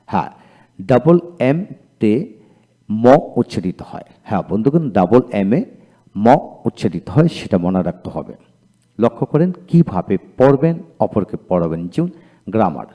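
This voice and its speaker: Man drilling spellings in a mellow voice. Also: medium pitch. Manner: spells words letter by letter, repeats each word slowly. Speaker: English teacher. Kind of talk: spelled-out pronunciation lesson.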